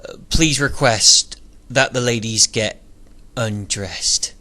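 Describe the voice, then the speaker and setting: A man's voice: medium pitch, slow pace, pushed and bright. A man voicing a shy young shepherd in a rhyming storybook, hesitant and trembling, stumbling over his words. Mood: sheepish.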